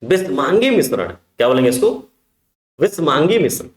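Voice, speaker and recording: A man's voice: a little high, big pitch swings, normal speed, roomy sound. A man teaching a chemistry class, who asks his students questions and answers them himself, calling them affectionate names. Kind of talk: online class lecture.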